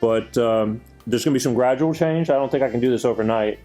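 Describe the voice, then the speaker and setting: A man's voice: mid-range voice, fast talker, warm tone, faint music behind. A man hosting his own chat show, talking earnestly and rambling with lots of fillers and restarts. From Greek heritage. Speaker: show host.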